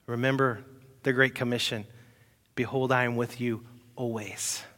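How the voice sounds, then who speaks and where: A man preaching a Sunday sermon as pastor, asking the congregation rhetorical questions and swinging between loud emphatic peaks and soft, quiet asides. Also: mid-range voice, fairly even intonation, unhurried, big-room sound.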